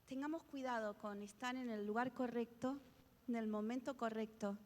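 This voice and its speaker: A woman's voice: fairly high pitch, fairly even intonation, normal speed, a little mellow, big-room sound. A woman pastor preaching a sermon, emphatic and repetitive, often restarting her words. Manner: emphatic, repeats key phrases, many restarts.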